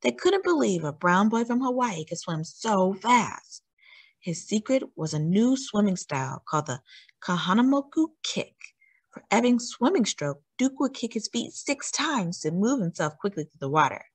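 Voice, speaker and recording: A storytime host reads a children's story aloud, her intonation lively and swooping. Her medium-pitched voice has a husky edge, and she animatedly stresses key words and draws words out for young listeners. The recording is close and dry, with no echo.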